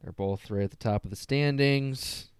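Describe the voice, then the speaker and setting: Young man, co-host, lowish smooth voice, relaxed, short replies, dry sound. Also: moderate pace, dry recording. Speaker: podcast co-host. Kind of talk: casual fantasy football chat.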